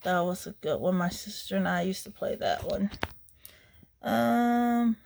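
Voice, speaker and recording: Middle-aged woman going through her game shelf, unhurried, lots of ums, nostalgic rambling. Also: medium pitch, creaky, darkish tone, slight background noise. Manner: rambling, nostalgic, many fillers. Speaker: retro game collector. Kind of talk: casual chat.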